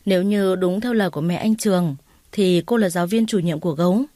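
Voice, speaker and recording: A woman's voice: fairly low pitch, fast talker, no echo, natural voice. A woman voicing a scheming, jealous young woman who taunts her rival and puts on fake tears, in a dry recording. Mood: taunting. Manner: sharp, taunting, then whiny fake sobbing.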